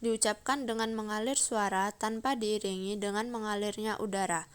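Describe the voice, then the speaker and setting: A woman's voice: medium pitch, steady tone, clear, resonant tone. A young woman from Indonesia giving a recorded pronunciation lesson, explaining and modelling each sound in a careful, instructive way. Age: young adult. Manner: slow, careful, instructive delivery. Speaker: student.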